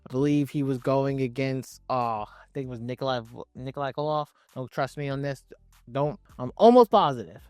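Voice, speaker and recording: A man with a mid-range, darkish, clear and resonant voice hosts a countdown video ranking wrestling promos, speaking at a moderate pace. His commentary is casual and opinionated, emphatic, full of slang and swearing, and he repeats phrases for stress, recorded dry with studio quality.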